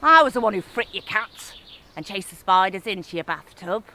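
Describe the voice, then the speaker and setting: A woman's voice: medium pitch, animated, normal speed, bright, forceful tone. A woman playing a scolding, taunting, gleefully wicked old witch of the woods with a northern English accent, in theatrical storytelling. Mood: gleefully menacing.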